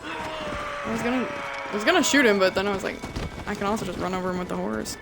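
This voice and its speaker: A woman's voice: mid-range voice, rapid-fire, vocal fry, over music. A woman live streamer chatting casually and jokingly with her chat while she plays a video game, swearing freely.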